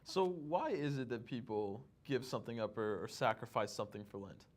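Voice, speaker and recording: A man hosting a casual student talk show, joking and laughing between questions, his voice sitting at an ordinary middle pitch. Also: animated, a little fast. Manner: jokey, laughs often. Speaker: host. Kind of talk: casual interview chat.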